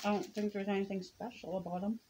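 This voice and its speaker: A woman's voice: mid-range voice, fairly even intonation, quick pace, warm tone, slight background noise. Dry-voiced woman reading snack blurbs. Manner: reads product blurbs aloud, short dry verdicts. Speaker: snack box reviewer. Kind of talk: casual taste-test chat. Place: living room couch, indoors.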